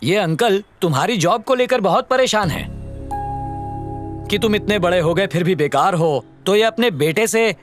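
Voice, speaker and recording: An actor dubbing a calm, caring father who reasons with gentle sarcasm, heard over film music. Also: sits high, normal speed. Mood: wry. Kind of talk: Hindi film dub acting. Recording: film soundtrack with music under dialogue. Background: film score music.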